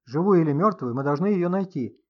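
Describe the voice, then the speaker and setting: A man's voice: on the high side, lively intonation, fairly quick, dull audio, voice pushed up. A man reading an audiobook, voicing a blunt, impatient, angry man. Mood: accusing. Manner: curt, irritated.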